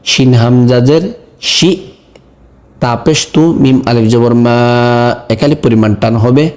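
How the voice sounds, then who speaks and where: A man teaching Quran reading in a slow lesson, spelling each word letter by letter and then chanting it. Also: mid-range voice, darkish tone. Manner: spells words letter by letter, then recites them in a drawn-out chant. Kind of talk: slow step-by-step recitation lesson.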